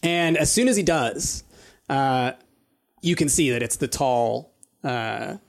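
A man acting as game master, improvising narration for a tabletop game in a halting, thinking-aloud way. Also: medium pitch, gravelly.

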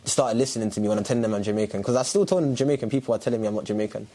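A man's voice: lowish voice, rapid-fire, mellow. Slangy South London man chatting. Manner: slangy, emphatic, repeats himself. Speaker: podcast guest, dancer. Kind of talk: casual chat.

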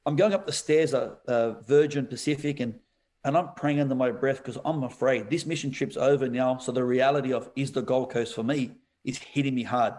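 A man, a pastor, recounts a story in a podcast interview. He talks in a lively, animated way, laughs often and calls the listener "bro." His voice sits in a middle pitch. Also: fairly quick.

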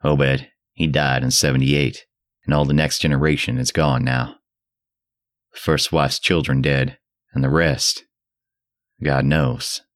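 A man voicing a terrified old drunk who rants in a shrill, cracking old voice and a rustic dialect. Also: level tone, measured pace, pauses often. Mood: muttering. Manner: rustic old New England dialect, ranting. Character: terrified old male drunk, rambling and frantic.

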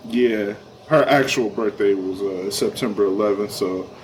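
A man's voice: lowish voice, normal speed, slight background noise. A young adult man co-hosting a casual podcast, talking in laid-back slang and laughing often. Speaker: podcast co-host.

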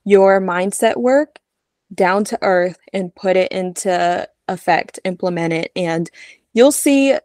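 A woman's voice: lowish voice, takes it slowly, darkish tone, no echo, studio quality. A woman hosting a podcast, chatting casually in an earnest, encouraging way and often murmuring agreement. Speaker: podcast host.

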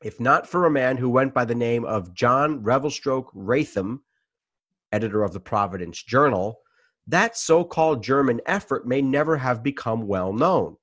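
A man's voice: mid-range voice, animated, normal speed, a bit bright, no room sound. Man hosting a history interview show. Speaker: podcast host and interviewer. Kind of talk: scripted introduction and interview questions.

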